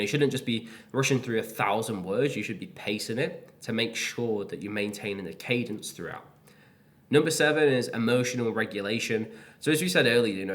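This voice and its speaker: A man's voice: fairly low pitch, a bit bright. A man teaching cold-calling in a casual, plain-spoken way. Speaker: sales coach. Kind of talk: instructional talk to camera.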